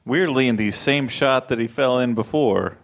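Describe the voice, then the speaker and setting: A man's voice: mid-range voice, moderate pace, gravelly. A man on a podcast panel making wry asides in casual comedic banter.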